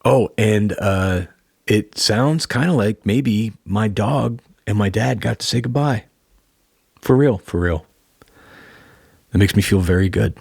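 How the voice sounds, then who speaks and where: A man with a very low voice speaks as a host, thoughtful and deliberate. His delivery is halting and reflective, with a husky edge. The recording is dry. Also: a little mellow, no room sound. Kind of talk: reflective interview and casual musing.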